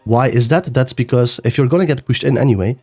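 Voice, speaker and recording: A young man talks through a gameplay review like a coach, his voice nasal and a little rough from being sick. His tone is mellow and dark. Faint music plays softly behind him. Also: mid-range voice, fast talker. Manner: explanatory, loose with fillers and restarts. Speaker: game coach. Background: soft background music.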